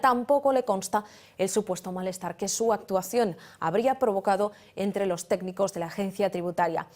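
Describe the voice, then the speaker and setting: Woman news anchor, formal and brisk, reading the headlines. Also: mid-range voice.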